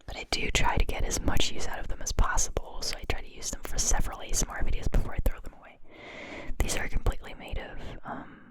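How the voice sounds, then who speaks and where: A woman whispering softly and breathily right up close to the microphone, ear to ear, chatting casually to viewers in ASMR style. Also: fast talker. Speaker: ASMR video creator and host.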